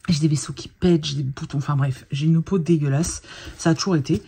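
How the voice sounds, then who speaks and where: Woman, vlogger, husky, mellow tone, tired, colloquial chatter with fillers. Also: low-pitched, fairly even intonation, brisk. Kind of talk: casual chat.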